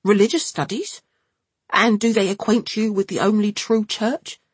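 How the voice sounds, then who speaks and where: A woman's voice: mid-range voice, normal speed, husky, dry recording, voice pushed up, lightly acted. A woman voicing a stiff, pompous young male zealot who preaches in long, formal sentences. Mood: prying.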